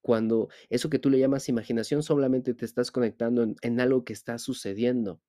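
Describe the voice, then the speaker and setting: A man hosts a spiritual podcast in a mellow, warm voice. He talks straight to the listener and keeps posing rhetorical questions. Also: medium pitch, fairly even intonation, brisk. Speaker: podcast host.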